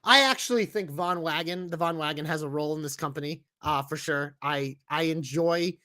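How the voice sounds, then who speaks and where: A man's voice: fairly high pitch, a little fast, sharp tone, dry recording, clean studio sound. A man co-hosting a wrestling podcast, chatting casually with crude, enthusiastic banter. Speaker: podcast co-host.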